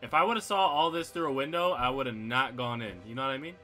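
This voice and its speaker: A man streaming a horror game, sounding scared and jumpy as he reacts aloud. His voice is very bright and forceful at a medium pitch. He exclaims and repeats himself, with faint music behind him. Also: brisk. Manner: jumpy, exclaiming, repeats words when frightened. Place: indoor room at a gaming setup.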